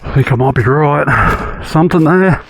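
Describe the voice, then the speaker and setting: A man with an Australian accent thinking aloud in relaxed slang as he rides rough bush tracks, recorded outdoors on a helmet or action camera mic. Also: a little high, normal speed, noisy background. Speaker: motorcycle vlogger. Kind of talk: casual riding commentary.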